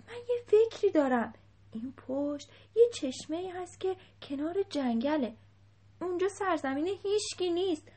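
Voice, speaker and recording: A woman's voice: very high voice, a little mellow, voice pushed up. Woman doing an earnest young elephant. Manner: pleading and insistent.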